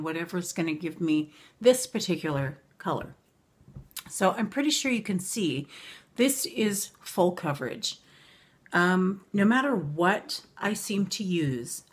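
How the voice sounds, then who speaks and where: Low-voiced woman in her forties chatting. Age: 40s. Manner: chatty, rambling, with frequent ums and self-corrections. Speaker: beauty vlogger. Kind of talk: casual makeup review vlog. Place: bedroom at home.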